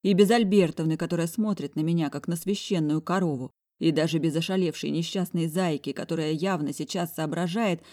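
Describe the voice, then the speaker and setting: Woman, audiobook narrator, wry storytelling, lowish voice, dry close sound. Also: a little mellow, no room sound. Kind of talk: first-person audiobook narration.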